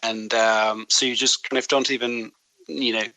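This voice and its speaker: Thoughtful man from Hungary, bright tone. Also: medium pitch, flat delivery, moderate pace, dry recording, poor audio. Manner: reflective, hesitant with many fillers. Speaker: guest photographer. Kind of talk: recorded interview clip.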